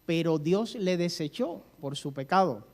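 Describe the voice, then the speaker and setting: A man's voice: on the high side, animated, measured pace. A man preaching a sermon, telling stories and asking the congregation questions. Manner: storytelling, asks the congregation questions.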